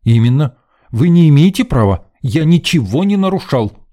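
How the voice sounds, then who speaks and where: A man's voice: mid-range voice, big pitch swings, moderate pace, mellow, slightly rough, pitched above the performer's own voice. A man playing a flustered young student journalist. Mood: indignant. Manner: flustered, defensive, stammering. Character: nervous, indignant young male journalism student.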